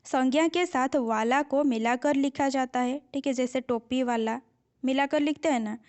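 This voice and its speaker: A woman's voice: high voice, moderate pace, darkish tone. A woman teaching a grammar lesson for exam preparation, explaining patiently and repeating key points with frequent check-ins to her students.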